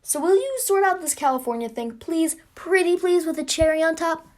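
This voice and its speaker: A woman's voice: sits high, lively intonation, slow. Woman doing a wheedling, exasperated America. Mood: pleading. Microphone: phone.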